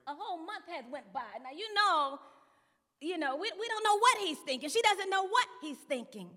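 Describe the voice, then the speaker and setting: A woman preacher retelling a story in a sermon, lively and conversational, with many restarts. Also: very high-pitched, normal speed, long reverb tail.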